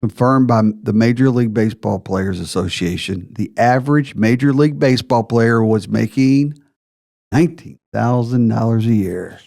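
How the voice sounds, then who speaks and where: A man's voice: medium pitch, normal speed, vocal fry, a little mellow. A man hosting a retirement planning podcast, explaining figures step by step with emphasis.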